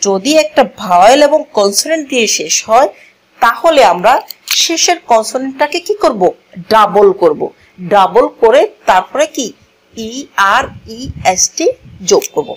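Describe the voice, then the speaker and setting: A woman teaching a grammar lesson to a class, moving slowly, repeating key words and asking the learners questions as she goes, switching languages mid-sentence. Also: fairly high pitch, animated, rough recording. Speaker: English teacher. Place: classroom with a board.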